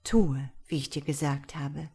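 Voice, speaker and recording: A woman's voice: low-pitched, fairly even intonation, unhurried, breathy edge, pitched below the performer's own voice, exaggerated voice. A woman reading a fairy tale aloud and voicing a selfless, sad statue prince who speaks earnestly and insistently. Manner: earnest, insistent, softly commanding.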